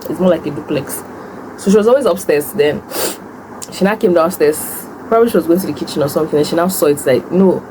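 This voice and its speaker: A young woman with a Nigerian accent and a low voice talks fast over a noisy background. She's a food vlogger doing a casual mukbang, telling stories and answering questions while she eats.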